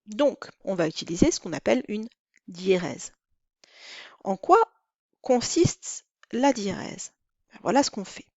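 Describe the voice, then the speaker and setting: A woman teaching a lesson on counting the syllables of verse, with a clear, deliberate delivery. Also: mid-range voice, animated, dry recording, highs cut off. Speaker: French teacher. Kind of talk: recorded lesson.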